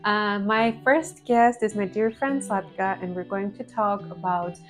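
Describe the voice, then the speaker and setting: A woman hosts a casual podcast and interviews a friend. Her voice sits in a middle range, and she asks her questions in a warm, encouraging way. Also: mid-range voice, unhurried, soft background music. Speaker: podcast host.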